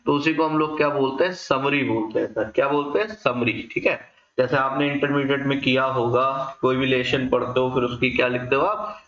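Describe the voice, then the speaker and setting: A man teaches vocabulary for an exam, posing questions and then answering them himself. His voice is bright and forceful. The recording sounds roomy and slightly dull. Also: mid-range voice. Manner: explains in Hindi mixed with English, asks and answers his own questions; frequent checking tags like "thik hai". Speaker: English teacher. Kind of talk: exam-prep vocabulary lesson. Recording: echoey room, dull lo-fi sound.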